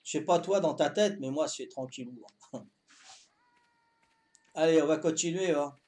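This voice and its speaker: Fifty-something Corsican man streaming a game. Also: on the high side. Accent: Corsican French. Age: 50s. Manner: addresses viewers directly, tags sentences with "hein", repeats himself; calm, unhurried, talks to chat while playing. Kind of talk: live game stream chat.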